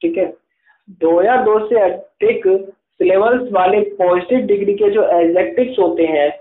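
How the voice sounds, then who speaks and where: A high-pitched male English teacher runs a grammar class, dictating notes slowly and patiently and regularly checking in with his students. The audio is echoey and tinny, like a phone recording in a bare room.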